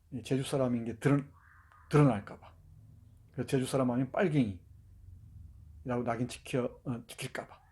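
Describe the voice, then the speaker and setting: A man's voice: mid-range voice, dark tone, breathy edge. A man giving a university literature lecture, explaining and demonstrating dialect pronunciations, with frequent fillers and restarts.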